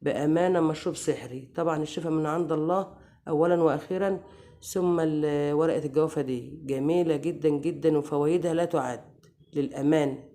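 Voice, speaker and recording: Fast-talking hoarse Egyptian woman. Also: low voice. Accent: Egyptian Arabic. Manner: warm, chatty, addresses viewers as dear sisters. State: hoarse from a cold. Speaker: home cooking channel host. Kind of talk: casual home remedy tutorial.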